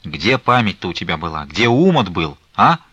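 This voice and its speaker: A man's voice: sits low, very animated, normal speed, bright, forceful tone, breathy edge, no echo, highs cut off, voice pushed down, heavily acted. A man reading an audiobook voices a stern, angry elderly abbess who scolds fiercely and reproachfully. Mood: stern scolding.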